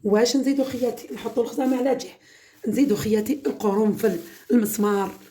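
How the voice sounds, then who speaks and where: A woman's voice: a little high, racing, mellow, a little hiss or hum. A woman with an Algerian Arabic accent hosting a home cooking channel, chatting through a home-remedy demonstration and often calling her viewers "my sisters".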